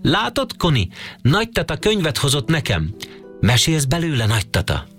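A man's voice: mid-range voice, very animated, a bit bright, faint music behind. A man voicing an eager, slightly jealous little girl in a read-aloud storybook, pleading and grumbling under her breath. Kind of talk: storybook reading.

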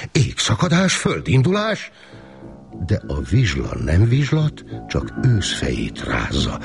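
A male storyteller reading a children's bedtime story with a playful, rhythmic delivery. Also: low voice. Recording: music playing underneath.

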